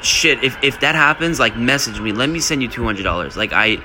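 A man's voice: medium pitch, animated, a little fast, noisy background. A young man hosting a podcast, talking in a blunt, rambling, motivational way and swearing freely. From United States. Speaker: podcast host. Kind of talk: casual motivational monologue.

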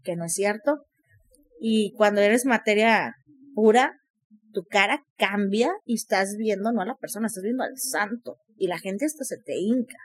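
A woman with a Mexican accent telling a story in casual chat, animated, full of crude slang and acted-out voices. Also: mid-range voice, normal speed, husky. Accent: Mexican Spanish.

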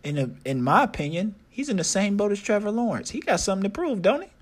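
A man hosting a casual sports podcast. He is excitable and profane and keeps repeating himself as he rants. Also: high-pitched, quick pace. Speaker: podcast host.

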